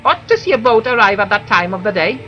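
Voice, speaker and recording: A man's voice: sits high, big pitch swings, quick pace, lo-fi sound, faint music behind, pitched above the performer's own voice. A man voicing a chatty, nervous wood elf commoner from a video game in a perky, gossipy christmas elf manner. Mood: aggrieved, fretful. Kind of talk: video game character read aloud.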